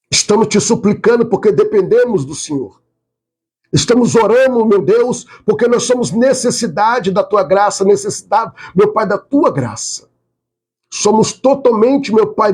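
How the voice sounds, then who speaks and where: Fervent pastor crying out in prayer. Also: male voice, husky. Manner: fervent pleading prayer, rises to high cries and drops to murmurs, speaks in tongues. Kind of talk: live prayer.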